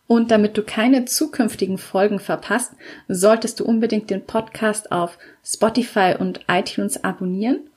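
A woman podcast host who reads a novel excerpt aloud, then closes the episode with an even, friendly address to her listeners. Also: medium pitch, moderate pace, husky.

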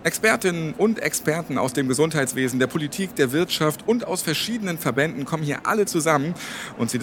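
Male podcast host reporting from a trade fair, lively pitch, faint background noise. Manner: clear, structured, presenting. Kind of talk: moderated reporting and interview questions.

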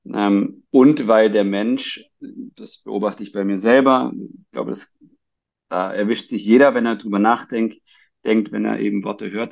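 Male podcast host, gravelly, fairly low voice, halting delivery, dull lo-fi audio. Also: a little mellow. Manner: halting, reworks sentences mid-thought. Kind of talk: conversational interview.

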